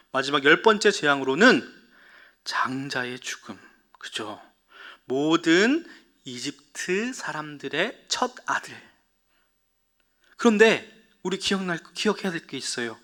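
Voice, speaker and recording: A man preaching to children in a fairly high, bright and forceful voice. He tells the story like a storyteller, asks the young listeners questions and answers them himself. At dramatic moments he sinks into a hushed whisper. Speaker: Sunday school preacher.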